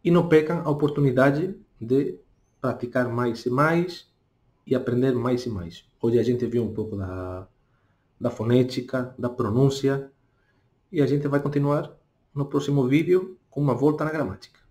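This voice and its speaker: A man speaking with a Spanish accent, a native Spanish speaker who gives a casual spoken lesson, talking slowly and tagging his points with little questions. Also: mid-range voice, a little mellow. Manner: talks deliberately slowly, tags questions with "não?". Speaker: language teacher.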